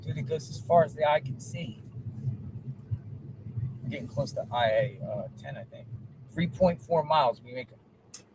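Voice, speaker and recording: A man chats casually to a livestream while riding in a car. He rambles and circles back to repeat himself. It sounds like dashcam audio, with clear vehicle noise around the voice. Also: fairly high pitch, normal speed, pauses often. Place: inside a moving car.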